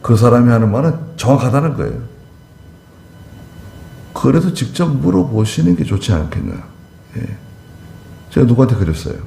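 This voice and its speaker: A man's voice: mid-range voice, very animated, normal speed, creaky, long pauses, dark tone, echoey room, slight background noise. A male pastor preaching a conversational sermon, acting out short dialogues in a church.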